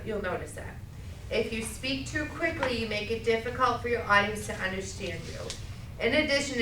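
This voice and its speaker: A middle-aged woman with a Massachusetts accent teaching a speech class, loud and projecting, checking in with "okay?" as she goes. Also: mid-range voice, distant mic, background noise. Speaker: college speech instructor. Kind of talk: classroom lecture. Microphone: camera at a distance. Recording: echoey classroom recorded from afar.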